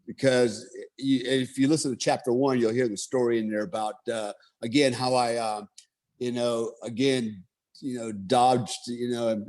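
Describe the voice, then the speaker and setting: Speaking in a medium-pitched, slightly mellow voice, a German-raised man in his fifties delivers a personal storytelling monologue. As a motivational speaker, he meanders through his life story, full of fillers and rhetorical digressions.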